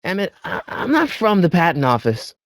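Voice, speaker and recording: Earnest and hesitant, this excitable teenage boy hero from a video game talks at normal speed in a high-pitched, exaggerated voice, his delivery swooping and animated. When flustered he trips over his words. It's recorded dry and close, without any room sound.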